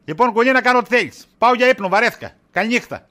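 A man's voice: very high voice, lively intonation, sharp tone, heavily acted. A man playing a tired middle-aged shopkeeper in a comedy sketch, exasperated and dodging his wife's questions with wisecracks. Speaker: husband.

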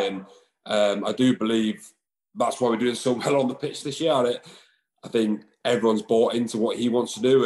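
A man's voice: on the low side, poor audio. A young English man, a rugby player, chatting loosely as a podcast guest over a video call, with lots of fillers. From England. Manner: relaxed, rambling with fillers and laughs. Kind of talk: casual podcast interview. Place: home room, indoors. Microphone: headset on video call.

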